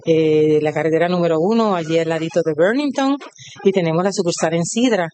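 A woman's voice: fairly low pitch, fairly quick, dark tone, a little hiss or hum. A woman with a Puerto Rican accent, a cooperative leader being interviewed, proudly listing things in rhythmic runs. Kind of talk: on-site interview.

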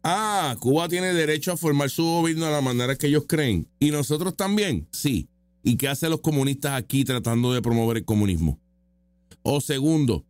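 With a mid-range, darkish voice and no room sound, a man comments on street interview clips. As a political commentator, he's casual, opinionated and mocking, leaning on rhetorical questions.

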